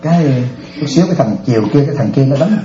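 A man's voice: medium pitch, fast talker, roomy sound, dull audio. A Buddhist monk, animatedly telling stories in a dharma talk and often laughing with his audience. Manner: animated storyteller, often laughing, addresses listeners directly.

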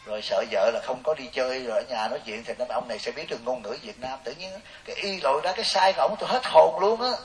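Speaking fast with few pauses, a monk with a mid-range voice delivers a joking dharma talk to a lay audience. He's animated and tells stories, slipping into quoted voices. The recording has hiss and sounds far away.

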